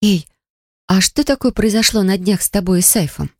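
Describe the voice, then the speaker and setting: A woman's voice: medium pitch, normal speed, darkish tone, dry recording, clean studio sound, voice pushed up, natural voice. A woman reading the part of a curious young woman teasing and prying at a friend with eager questions.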